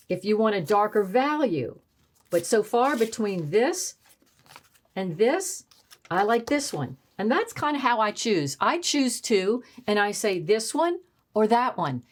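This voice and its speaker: A woman's voice: medium pitch, very animated, a little slow. A woman art teacher demonstrating collage on a painting, thinking aloud as she tries pieces in different spots. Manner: thinks aloud, musing and trying options.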